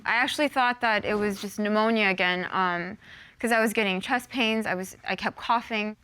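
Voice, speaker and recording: A woman's voice: medium pitch, moderate pace, sharp tone, clean tone. A woman giving casual testimony as a plaintiff in a TV court, with an aggrieved, complaining manner.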